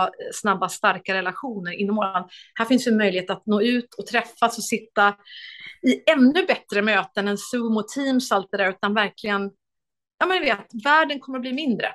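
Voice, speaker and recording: A woman's voice: mid-range voice, fairly bright tone. A woman, an author and lecturer, talking enthusiastically as an interview guest, with many hesitations.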